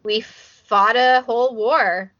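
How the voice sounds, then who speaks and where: A woman from Brazil co-hosting a casual chat podcast, asking animated, digressive questions. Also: a little high, takes it slowly. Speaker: podcast co-host. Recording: dull lo-fi sound.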